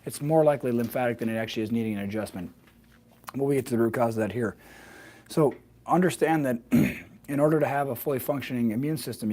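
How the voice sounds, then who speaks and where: A man with a slightly hoarse voice, as if a frog were in his throat, presents an informal wellness explainer. He talks quickly at an average male pitch. His delivery is fluent and instructive, with small check-ins to the listener. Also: darkish tone. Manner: fluent, explanatory, often checks with "right?" and "okay?". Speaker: health practitioner hosting a weekly wellness video. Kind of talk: informal explainer to camera, live stream.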